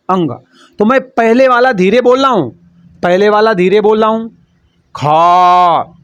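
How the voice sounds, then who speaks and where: A male Hindi teacher from Uttar Pradesh giving an exam-prep lesson. He calls his students "beta" and answers his own questions by repeating the key words. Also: high voice. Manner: demonstrates sounds, softly then with force.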